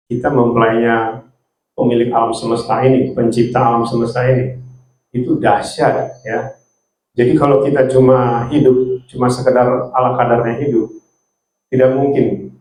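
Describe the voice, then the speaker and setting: A man preaching a sermon, often ending his phrases with a soft "ya". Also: mid-range voice, roomy sound, poor audio. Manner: repetitive, ends phrases with "ya".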